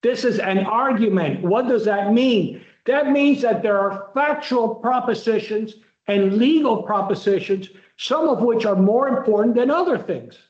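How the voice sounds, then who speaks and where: A man with a high-pitched voice gives an emphatic law lecture, repeating key points and slowing down for effect. The sound is roomy and a little dull, as if recorded in a lecture hall. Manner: emphatic, repetitive, direct coaching; varies pace, slowing sharply for emphasis. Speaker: law lecturer coaching moot court students.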